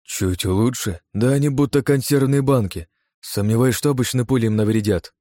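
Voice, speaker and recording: A man's voice: mid-range voice, moderate pace, warm tone, dry recording, clean studio sound, voice pushed up, close to an everyday voice. A man voicing a worried, doubtful male agent partner in an audiobook. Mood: anxious. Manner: anxious, doubting.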